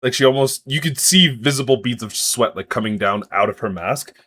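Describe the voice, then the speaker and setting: A man's voice: medium pitch, fairly quick, bright, forceful tone. A man narrating a tabletop game as game master in a casual way, full of fillers. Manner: casual, filler-heavy descriptions.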